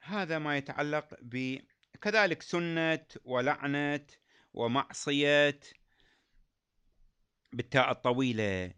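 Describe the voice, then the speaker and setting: A man's voice: a little high, fairly bright tone, clean tone. A man teaching a lesson on recitation rules, explaining patiently and repeating key phrases, in a dull lo-fi recording. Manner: chants quoted verses slowly.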